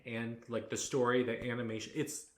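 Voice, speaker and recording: A man co-hosting a podcast, talking in a loose, rambling way full of fillers. His voice sits at a middling pitch. It is recorded in a room with noticeable echo. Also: flat delivery, brisk, slight background noise. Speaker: podcast co-host. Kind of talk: casual chat. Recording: echoey room.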